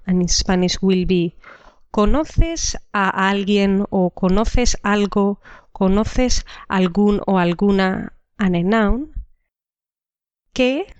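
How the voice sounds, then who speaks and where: A woman teaching a language lesson, explaining slowly and repeating each example sentence twice. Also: mid-range voice, a little mellow, no echo. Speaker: Spanish teacher. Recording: dull dry lo-fi recording.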